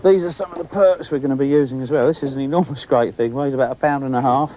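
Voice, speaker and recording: Middle-aged male angling host, mellow and chatty, recorded outdoors on a boat at sea. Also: medium pitch, quick pace, a little hiss or hum. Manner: chatty, excitable, talks while fishing. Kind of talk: casual on-location commentary.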